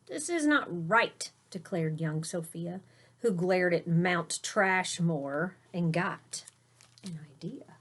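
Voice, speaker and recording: A woman with a lowish, slightly bright voice reads a picture book to children, animated and taking her time. Like a teacher, she's expressive and pauses for simple explanations aimed at young listeners.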